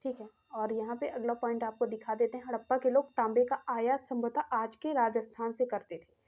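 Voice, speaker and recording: A woman's voice: on the high side, little pitch movement, brisk. A woman teaching an exam-prep lesson, reading out questions and explaining each answer step by step to her students. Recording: tinny phone-like sound.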